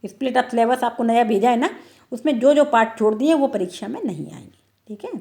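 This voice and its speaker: A woman's voice: a little high, lively intonation, brisk, vocal fry, dark tone. A woman teacher giving an online class lesson, explaining step by step and repeating each answer.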